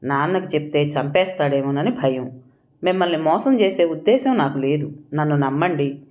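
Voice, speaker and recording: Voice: mid-range voice, expressive, moderate pace, a little mellow, natural voice. A narrator voicing a tearful, anxious young bride who pleads and confesses, in a storybook reading. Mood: confessional.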